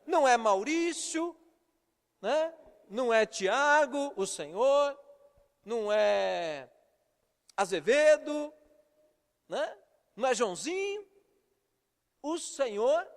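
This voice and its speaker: A man with a Brazilian Portuguese accent preaching a sermon as pastor, telling a story and acting out the dialogue. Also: extremely high pitch. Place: church hall. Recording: long reverb of a church hall.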